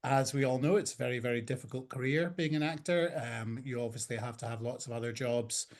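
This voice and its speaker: A Scottish man in his forties, a talent agent guest, talking in a relaxed, chatty way with many ums. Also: medium pitch, a little fast. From Scotland. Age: 40s. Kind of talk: casual conversation.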